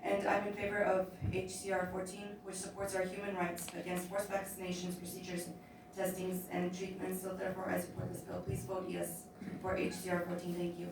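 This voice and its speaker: A woman's voice: lowish voice, completely flat delivery, brisk, background noise. A woman from Idaho reading a short prepared statement as public testimony. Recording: echoey hearing room from far off.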